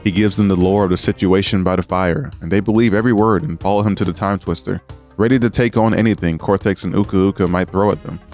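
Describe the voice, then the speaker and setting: A man's voice: low-pitched, steady tone, fast talker, darkish tone. A man narrating a scripted video essay with earnest, appreciative commentary. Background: music.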